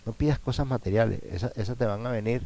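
A man preaching a sermon, moving from quiet prayerful lines to loud, emphatic cries. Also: mid-range voice, fast, vocal fry, rough recording.

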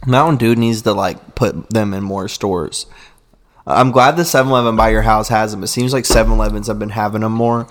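A man's voice: on the low side, a little fast, a little hiss or hum. A young man co-hosting a podcast with crude, joking, mock-hyped banter. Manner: crass, mock-hyped jokey rants. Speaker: podcast co-host.

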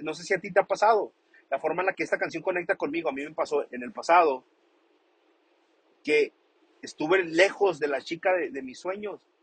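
A man with a somewhat high, husky voice talks through a song's lyrics in a casual, explanatory way. He often circles back and rephrases his points as he thinks aloud. The sound is dry and close, with no room echo. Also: a bit bright. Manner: thoughtful, repeats and rephrases often. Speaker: song commentator.

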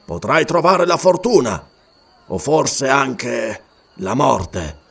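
A man voicing an older male hunter who speaks in a measured, persuasive way in an audiobook. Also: mid-range voice, big pitch swings, creaky, fairly bright tone, slightly rough, voice pushed down, exaggerated voice. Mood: earnest.

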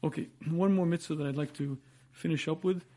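A man giving a religious lecture, emphatic and fond of repetition, with a husky voice and frequent throat clearing. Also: fairly high pitch, fairly even intonation, brisk, mellow. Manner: emphatic, rhetorical questions and repetition. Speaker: rabbi giving a Torah lecture. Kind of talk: religious lecture, explanatory teaching.

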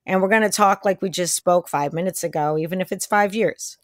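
A woman hosting a podcast in a loose, chatty way, encouraging her guest and turning often to her listeners. Her voice sits a little low, and the recording is dry and close. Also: brisk, dry recording. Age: older than her guest. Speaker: podcast host. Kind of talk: casual interview chat.

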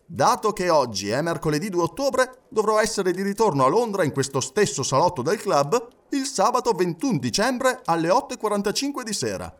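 Phileas Fogg, a man doing a calm gentleman. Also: high voice, distant mic, pitched above the performer's own voice. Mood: composed. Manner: calm, measured, unhurried. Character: impassive, precise English gentleman traveler.

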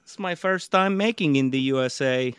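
A man's voice: mid-range voice, a bit bright, clean tone, no room sound, clean studio sound, close to an everyday voice. Man doing a cheerful Slavic visitor. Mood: eager. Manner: halting, broken English, eager greetings.

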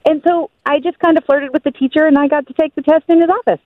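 Cheerful high-voiced woman caller. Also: steady tone, fast talker, no room sound, phone-quality sound. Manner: cheerful, upbeat, giggly. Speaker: caller, host's sister. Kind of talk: call-in radio chat.

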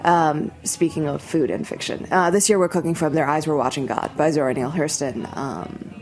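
A woman guest on a radio show, chatting casually and quickly about the food events she co-organizes. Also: low-pitched, a little mellow. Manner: quick, chatty, many fillers.

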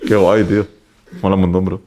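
A man's voice: fairly low pitch, heavy background noise. A young man co-hosting a podcast, chatting casually, joking and swearing with slang. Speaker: podcast co-host. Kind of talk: casual chat.

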